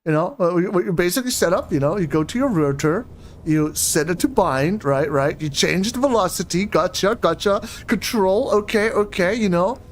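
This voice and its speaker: High-voiced chatty gamer guy. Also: animated, normal speed, a little hiss or hum. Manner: chatty, rambling, easily puzzled. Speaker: game streamer. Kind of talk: casual live-stream chat while playing.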